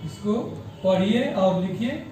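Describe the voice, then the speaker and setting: A high-voiced male teacher gives a grammar lesson and breaks words slowly into syllables. He is recorded from a distance in a very echoey classroom, with faint room noise underneath. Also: dark tone. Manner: mixes English terms into Hindi. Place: school classroom.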